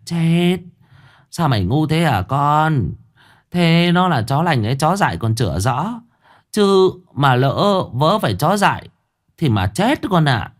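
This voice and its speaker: A man's voice: on the high side, very animated, takes it slowly, pitched above the performer's own voice. A man voicing a fretful middle-aged village mother who scolds and worries, in a spoken ghost story. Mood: scolding.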